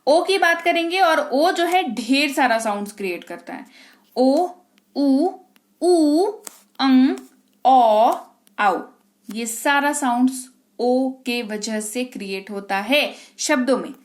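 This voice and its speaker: High-voiced woman teaching pronunciation. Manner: drills words slowly, asks questions back to the class. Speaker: English teacher. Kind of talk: spoken phonics lesson.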